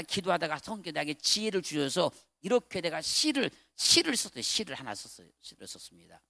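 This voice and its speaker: A man preaching a revival sermon as pastor, dropping to hushed murmurs and rising to shouted exclamations. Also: sits high, creaky, no room sound. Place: prayer retreat hall.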